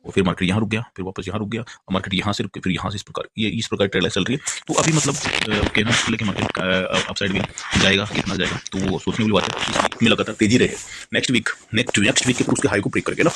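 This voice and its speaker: A man's voice: on the low side, very noisy. A man walking viewers through market charts, rambling and constantly pointing out "look here". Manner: repeatedly points things out, keeps saying "look here"; rapid rambling explanation with fillers and restarts. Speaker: stock market analyst. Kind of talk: screen-share chart walkthrough.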